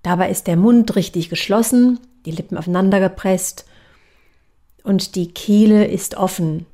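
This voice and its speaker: A woman voice coach giving a calm, measured lesson on breathing and articulation exercises. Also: medium pitch. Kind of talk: instructional voice training lesson.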